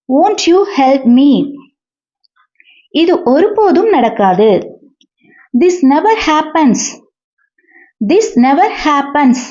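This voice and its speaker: High-voiced woman teaching in slow, deliberate repetition. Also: a little mellow. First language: Tamil. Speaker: English teacher. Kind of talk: language lesson, sentences read and repeated. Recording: dull lo-fi recording.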